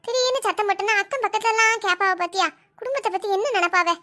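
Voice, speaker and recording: A woman voicing a long-suffering older mother-in-law in a family comedy skit, slow and guilt-tripping. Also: very high voice, sharp tone. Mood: martyred.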